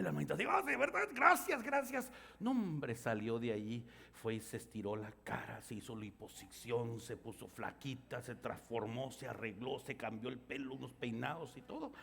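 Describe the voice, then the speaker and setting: A man pastor preaching a sermon, telling stories and acting out the voices, building to loud outbursts. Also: mid-range voice, big pitch swings, normal speed, vocal fry, slightly rough. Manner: storytelling preacher, acts out voices, rises to shouts. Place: church sanctuary. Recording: church hall reverb.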